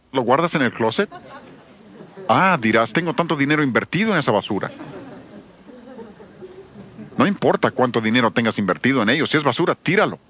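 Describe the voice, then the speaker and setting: A man's voice: mid-range voice, a bit bright, no room sound. A man giving an emphatic sermon-style seminar talk on church music, addressing listeners with rhetorical questions.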